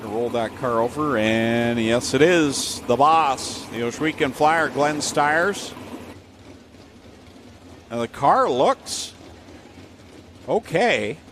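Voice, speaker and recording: A man's voice: medium pitch, animated, slow pace, pauses often. A man giving motorsport play-by-play commentary as a race announcer with a projected delivery. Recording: noisy outdoor trackside with vehicle engines. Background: race cars and outdoor ambience.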